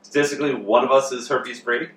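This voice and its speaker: A man's voice: mid-range voice, steady tone, quick pace, fairly bright tone, slight background noise. Man, podcast co-host, rambling, joking, lots of uhs, distant mic, echoey room. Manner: rambling, joking storyteller with many fillers. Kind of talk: casual chat.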